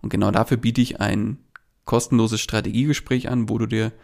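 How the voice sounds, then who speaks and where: A man's voice: fairly low pitch, little pitch movement, brisk, vocal fry, darkish tone. A man hosting a solo podcast, telling a client story and coaching listeners directly in a chatty way, with many filler words. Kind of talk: solo podcast monologue with advice.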